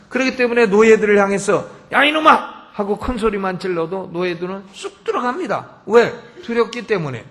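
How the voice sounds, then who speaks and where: A man's voice: high voice, fairly bright tone. A man preaching a Sunday sermon from the pulpit, emphatic, telling stories and asking rhetorical questions. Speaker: pastor. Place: church sanctuary. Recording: long church hall reverb.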